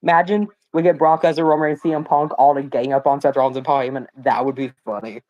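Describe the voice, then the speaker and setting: On a lo-fi phone recording, a young watch party streamer talks fairly fast in a fairly high voice. Hoarse and cracking from a sore throat, he still sounds thrilled, full of exclamations and slang.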